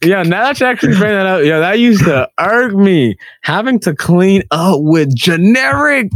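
A man's voice: high-pitched, normal speed, no echo. A man in casual chat, telling work stories and acting out both sides of each exchange. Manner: animated storyteller, acts out both sides of conversations.

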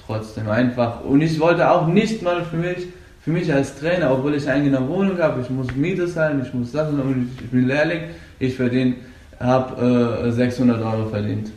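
Young man from afghanistan, non-native speaker, earnest, halting, mid pitch, roomy echo. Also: a little mellow. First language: not German. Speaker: jiu-jitsu coach and gym founder. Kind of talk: casual interview. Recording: echoey room.

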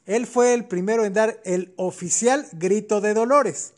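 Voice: mid-range voice, a little slow. A podcast co-host with a Mexican accent, explaining history in a casual chat with colloquial asides.

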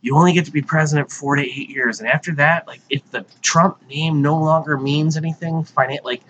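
A man's voice: a little high, steady tone, fairly quick, fairly bright tone. A man hosting a casual panel chat, rambling and putting on mocking voices when he quotes people. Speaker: podcast host. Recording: muffled with faint background hiss.

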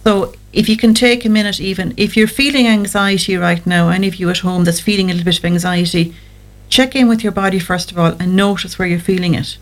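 A woman with a medium-pitched voice talks as an expert guest in an interview. She explains practical advice step by step in a conversational way. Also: steady tone, fast. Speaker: guest anxiety therapist on a show.

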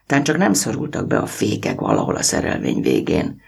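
A male narrator reads a story aloud with lively, rising and falling intonation. His voice is strongly gravelly and a little husky. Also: fairly low pitch.

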